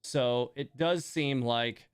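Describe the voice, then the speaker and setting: Taking it slowly, a man hosting a casual gaming livestream reads game text and comments as he thinks aloud, dropping in asides. His mid-range voice is clear and resonant, and the clean studio sound has no room tone.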